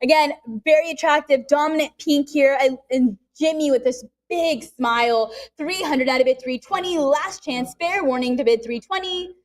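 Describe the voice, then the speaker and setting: Her voice high, a woman works the auction block, chanting bids repetitively and briskly, pushing bidders to go higher and slipping in conversational asides.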